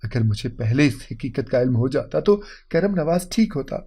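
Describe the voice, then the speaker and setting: A man's voice: mid-range voice, lively intonation, dark tone, slightly rough. A man narrating an emotional moral story in an earnest, heartfelt reading.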